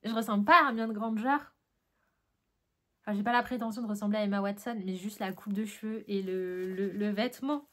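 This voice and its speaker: A French woman vlogs casually at home while unboxing art supplies, sniffly from a tickling nose. Her voice is medium-pitched and fairly quick, and she's chatty and excitable, using lots of fillers.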